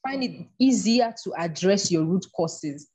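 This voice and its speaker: A woman guest in an interview, talking in an earnest, measured way about her past and her faith. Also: lowish voice, expressive, crowd noise. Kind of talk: reflective interview talk.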